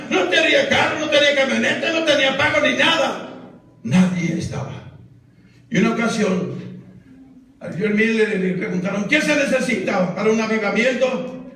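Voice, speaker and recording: A man preaching a sermon as pastor, fervent and rising to shouted emphasis. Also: very high-pitched. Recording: very echoey hall, voice far from mic.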